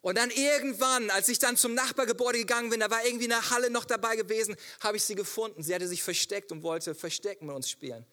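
A man's voice: sits high, quick pace, few pauses, bright, forceful tone. A man preaching a sermon, telling a personal story and asking rhetorical questions. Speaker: pastor.

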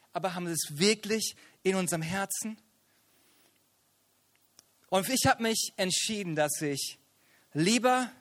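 A male preacher with a notably high voice delivers an energetic sermon. He tells stories animatedly and swings up into shouts at the peaks. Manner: animated, acts out family voices, rises to shouts. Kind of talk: lively sermon with personal story.

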